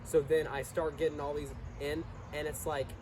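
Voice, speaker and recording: Against a noisy background, a young adult man with a stuffed-up voice, likely from allergies or illness, talks through a casual review of his lawn mower. His voice is on the high side with little pitch movement at a moderate pace, and he rambles, hesitating, restarting and using fillers.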